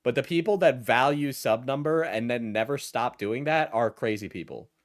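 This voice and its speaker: A man with a mid-pitched voice delivers off-the-cuff reaction commentary. He is blunt and mocking, swearing freely as he talks back at what he is watching. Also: expressive, moderate pace.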